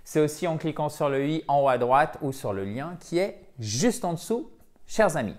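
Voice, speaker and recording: A man teaching a video lesson for French speakers, lively and repeating words to drill their pronunciation. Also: fairly high pitch, moderate pace. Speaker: English teacher.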